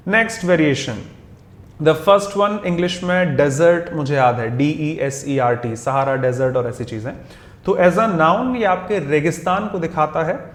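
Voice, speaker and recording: A man's voice: a little high, reverberant. A young Indian man with an Indian accent teaching English vocabulary in a video lesson, explaining patiently and spelling words out letter by letter.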